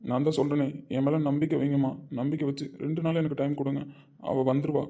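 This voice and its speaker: A man's voice: a little high, level tone, fast talker, dark tone, highs cut off. A man playing a young husband who pleads earnestly with his mother. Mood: pleading. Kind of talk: web series drama acting.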